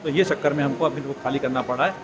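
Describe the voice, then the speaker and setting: A man's voice: medium pitch, fast, echoey room, over music. A man narrating a casual travel vlog, talking straight to his viewers as he films on a handheld phone. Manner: chatty, addresses viewers directly. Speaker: travel vlogger.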